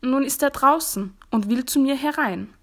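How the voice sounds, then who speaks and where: A spoiled young princess from a storybook, as a woman reading the tale puts her on, high and plaintive as she pleads and explains herself. Her voice sits well above a woman's usual talk. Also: normal speed.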